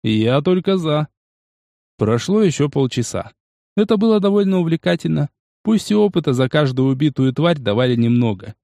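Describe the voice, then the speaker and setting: A man narrating a first-person audiobook in a steady, measured way. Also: a little high, creaky, no room sound, studio quality.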